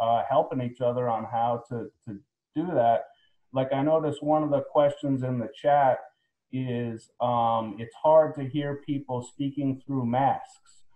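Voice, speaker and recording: A man's voice: medium pitch, fairly even intonation, unhurried, reverberant. A man speaking as a law professor, answering students informally in an earnest way with repeated phrasing. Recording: muffled, boxy room sound.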